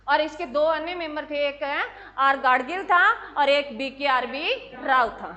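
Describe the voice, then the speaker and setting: High-voiced teacher drilling exam facts. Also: female voice, unhurried, bright, forceful tone. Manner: drills with repeated questions and answers, calls students "my children". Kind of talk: exam-prep classroom lecture.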